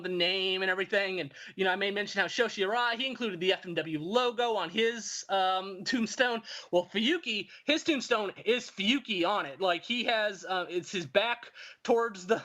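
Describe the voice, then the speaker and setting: A man with a high, bright voice talks casually as a show host, looking back on old events. He rambles, filling every pause with ums and you-knows and restarting his sentences as he goes. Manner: rambling, filler-heavy, many ums and restarts. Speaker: wrestling history podcast host. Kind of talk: casual retrospective commentary.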